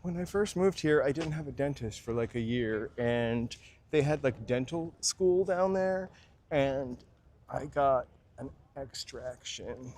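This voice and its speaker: A man's voice: mid-range voice, lively intonation, slow pace, darkish tone. A man livestreaming a city walk outdoors, chatting casually to his viewers in rambling asides and a little out of breath. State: slightly out of breath from walking. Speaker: walking tour livestreamer. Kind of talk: casual live walking vlog. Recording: faint street noise behind.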